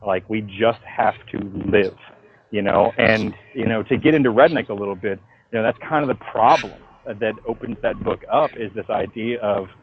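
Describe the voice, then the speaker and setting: This comic book writer has a lowish, creaky voice at normal speed, heard through narrow, tinny phone audio with slight hiss or hum. Chatting casually in a phone interview about his work, he spins lively, profane, slang-heavy stories.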